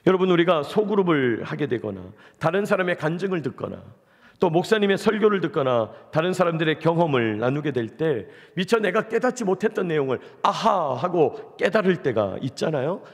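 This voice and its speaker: A man's voice: a little high, sing-song, a little fast, in a large hall. A man pastor preaching a sermon, speaking to the congregation with rhetorical questions.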